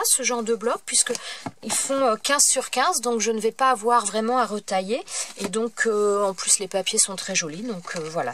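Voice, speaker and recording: Female craft tutorial host, slightly high voice, casual and halting, lots of fillers, faint noise behind. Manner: chatty, hesitant, many fillers and self-corrections. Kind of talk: casual step-by-step craft demonstration.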